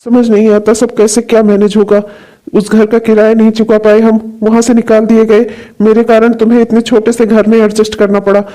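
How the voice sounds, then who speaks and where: A man's voice: sits high, monotone, a little fast, dark tone, close to an everyday voice. A man voicing a worried jobless husband and father in a cartoon, who talks in an anxious, despairing way. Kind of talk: cartoon dubbing.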